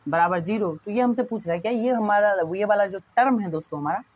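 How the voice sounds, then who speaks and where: Husky male math teacher, chatty and jokey, always asking if u get it, dull lo-fi sound. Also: sits high, fast talker. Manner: chatty, jokey, constantly checking understanding. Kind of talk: casual exam-prep lesson.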